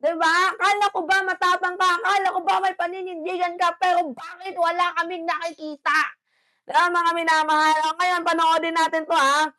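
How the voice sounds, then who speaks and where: A woman's voice: very high voice, flat delivery, a little fast, sharp tone. A woman giving heated political commentary, emphatic and scolding, mixing English phrases into her talk.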